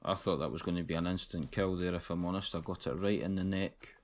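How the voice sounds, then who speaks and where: Low-voiced man narrating a game. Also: fairly even intonation, fast. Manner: low-key, thinking aloud. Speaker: gamer. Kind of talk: casual gameplay commentary.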